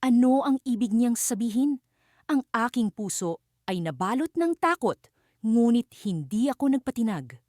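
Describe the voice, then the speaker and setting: A woman narrating a fantasy storybook in the first person, in an expressive, dramatic way. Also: a little high, moderate pace, no room sound, studio quality.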